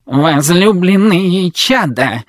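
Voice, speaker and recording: An actor voicing a fussy, long-winded marrying robot in an audio drama, with a creaky metallic voice and grumbling, pedantic delivery. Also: mid-range voice, lively intonation, extremely slow, dry recording, studio quality. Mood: solemn.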